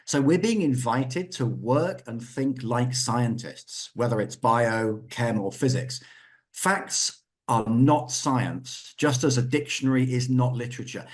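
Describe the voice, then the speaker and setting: A man with a medium-pitched voice talks as an educator. He explains in a measured, emphatic way, restating words as he builds each point. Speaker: physics instructor and school director.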